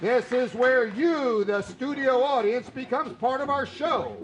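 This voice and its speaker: A man's voice: very high voice, a little slow, slight background noise. A man playing a cheery old-time radio announcer with a theatrical, sing-song delivery. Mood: showy. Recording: music under the voice.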